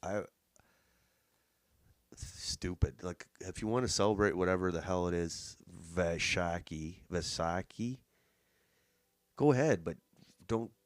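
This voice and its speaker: A man's voice: low voice, a little slow, pauses often, a little mellow, clear, resonant tone, dry recording, clean studio sound. A man hosting casual political commentary, mocking and swearing as he reacts to clips and mimics politicians in a sing-song voice. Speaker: host.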